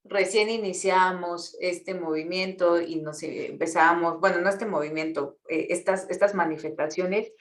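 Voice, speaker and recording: A woman with a Mexican accent, an activist earnestly explaining things to students, often pausing with fillers and repeated words. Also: lowish voice, steady tone, echoey room. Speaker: guest speaker, feminist activist.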